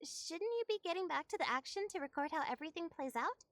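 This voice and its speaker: Musing young game heroine. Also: female voice, extremely high pitch, expressive, fast talker, fairly bright tone, dry recording, full character voice. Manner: musing, reflective.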